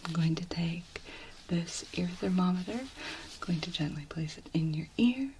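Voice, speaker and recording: A woman in a whispered role-play, speaking as a gentle clinic examiner in a soft, reassuring, step-by-step manner. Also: fairly low pitch, lively intonation, moderate pace, a little hiss or hum, poor audio. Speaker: ASMR performer playing a clinician.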